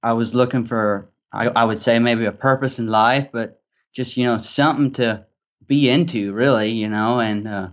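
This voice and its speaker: A man's voice: medium pitch, steady tone, normal speed, dull audio. A man in his twenties with an Arkansas Southern accent, telling his story casually as a podcast guest in a rambling way. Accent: Arkansas Southern American. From Arkansas, USA. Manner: rambling, peppered with "you know".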